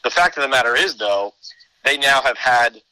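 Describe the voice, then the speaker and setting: A man's voice: medium pitch, lively intonation, moderate pace, sharp tone, no echo, rough recording. A man giving conversational sports analysis as a podcast guest, explaining his case point by point.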